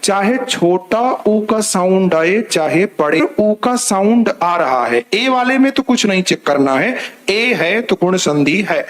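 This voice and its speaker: Explain this like a high-voiced man teaching an online grammar class, taking it step by step. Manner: explains step by step with rhetorical questions and repetition; addresses listeners as children.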